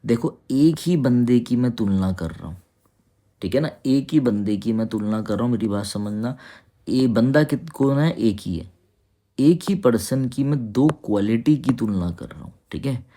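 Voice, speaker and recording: A man's voice: mid-range voice, lively intonation, dark tone. A man teaching an exam-prep English grammar lesson, explaining patiently and often checking that students follow. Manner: explains patiently, keeps asking "ठीक है?" to check understanding; reads English sentences slowly and deliberately.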